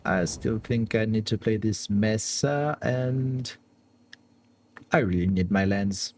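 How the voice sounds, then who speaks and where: A man's voice: lowish voice, slow, darkish tone, slight background noise. A young man with a French accent, a card game streamer thinking aloud through his plays, weighing options and often laughing. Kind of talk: thinking aloud while playing online.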